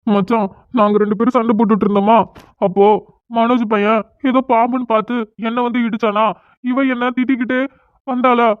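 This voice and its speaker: A woman's voice: fairly high pitch, no echo, close to an everyday voice. Whiny young cartoon guy, a woman doing him, thin phone-like sound, dry room. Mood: complaining. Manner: complaining, self-pitying, pleading. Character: young man, newly and unwillingly married, whiny. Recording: dry, tinny phone-like audio.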